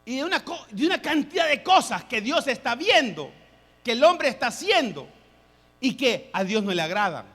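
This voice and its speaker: Fervent high-voiced preacher in a hall. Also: male voice, very animated, moderate pace, husky. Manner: preaching with rising, shouted emphasis. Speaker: pastor. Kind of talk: sermon.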